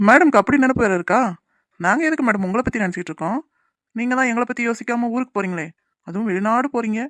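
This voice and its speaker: A woman's voice: fairly high pitch, expressive, quick pace, a bit bright, no room sound. A woman voicing a lovesick, gloomy young man in a cartoon, subdued and wistful. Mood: teasing. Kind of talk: cartoon voice acting.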